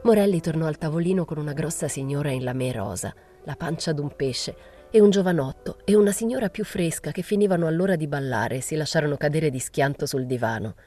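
A woman reading a novel aloud in a measured first-person narration. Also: low voice, dark tone, soft background music. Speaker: reader.

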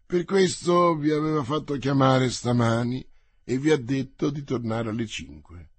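A man voicing a guarded, cool musketeer officer in an audiobook, speaking low and measured. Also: lively intonation, breathy edge, no echo. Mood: restrained. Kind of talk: audiobook character voice.

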